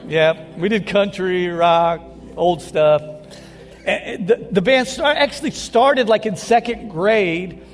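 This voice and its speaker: A man preaching a sermon, an animated storyteller who jokes with his listeners. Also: sits high, slow. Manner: animated storyteller, joking with the crowd. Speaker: pastor. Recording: long hall reverb with faint music.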